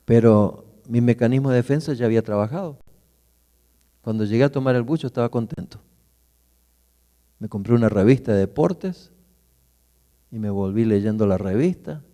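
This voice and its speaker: A middle-aged man preaches in a warm, mellow voice. He tells his story vividly, rising loud and dropping to a hush. The recording carries the long reverb of a church hall. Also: mid-range voice, moderate pace, long pauses. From Argentina. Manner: vivid personal storytelling, swings from loud to hushed. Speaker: pastor. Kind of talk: sermon storytelling.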